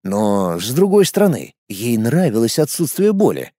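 A man narrating a fantasy story as an audiobook, with expressive storytelling. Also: medium pitch, moderate pace, no echo, clean studio sound.

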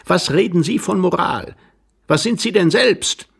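A man reading a story aloud, voicing a quarrelsome, impatient young man with a raspy voice. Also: medium pitch, sing-song, full character voice. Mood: scolding. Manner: impatient, scolding, quick-tempered. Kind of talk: dramatic literary reading.

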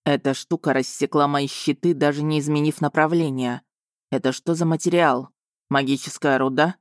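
A woman voicing a calm, curious ancient male dragon who speaks in a composed, detached way. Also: deep voice, moderate pace, no room sound, clean studio sound, close to an everyday voice.

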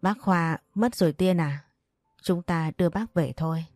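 A woman's voice: fairly low pitch, normal speed, a little mellow, no echo, clean studio sound, faint music behind, lightly acted. A woman voicing an older aunt who speaks through tears, choked but consoling, in a storybook reading.

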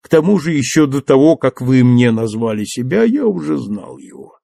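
A man voicing a kindly elderly bishop with a soft, calm and gentle manner in an audiobook reading. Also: medium pitch, moderate pace, vocal fry, dry recording, studio quality.

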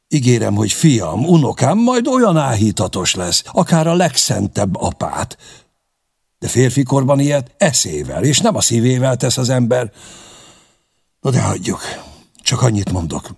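Man doing a sly warlord, teasing, wry, gravelly, husky, lively pitch. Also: exaggerated voice. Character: sly, jovial middle-aged male warlord, newly baptized.

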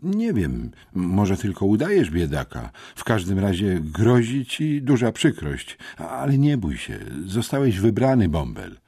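A man reading an audiobook, voicing a hoarse, embarrassed teenage boy who calmly delivers gang threats. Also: lowish voice, measured pace, hardly any pauses, dry recording, studio quality, pitched above the performer's own voice, exaggerated voice. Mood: calmly menacing. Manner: calm, smoothly menacing. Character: hoarse, sly teenage schoolboy racketeer messenger.

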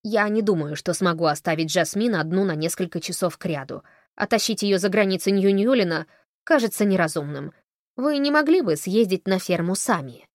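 A woman reading an audiobook, voicing a grumpy, caustic old woman farmer who scolds loudly. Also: mid-range voice, animated, normal speed, dry recording, clean studio sound, close to an everyday voice. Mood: hesitant.

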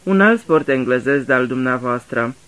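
Voicing Poirot, a fussy and courteous older detective, this man performs a radio drama reading with a natural, fairly bright, medium-pitched voice and lively intonation. He probes courteously, staying polite and patient, explaining as a teacher would.

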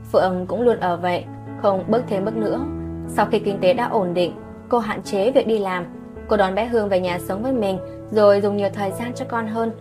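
A woman narrating a scripted late-night story calmly and evenly as the channel's host. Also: medium pitch.

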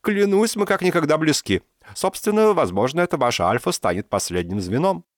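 A man voicing an excitable, theatrical professor in his sixties who rolls his R softly, in an audiobook. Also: fairly high pitch, a little fast, dry recording, clean studio sound, voice pushed up. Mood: effusive. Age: 60s. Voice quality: soft burred R. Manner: theatrical, exclamatory. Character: excitable old male professor, theatrical and haggling. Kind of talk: audiobook character voice.

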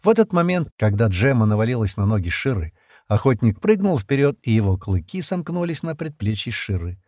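A man narrating an audiobook in an expressive, dramatic storytelling manner. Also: medium pitch, brisk, no room sound, studio quality. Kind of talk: scripted narration.

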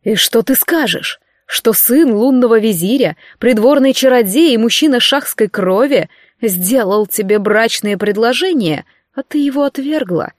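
A woman reading an audiobook, voicing an arrogant, cruel young male court sorcerer with slow, mockingly tender speech. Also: on the high side, animated, no room sound, clean studio sound.

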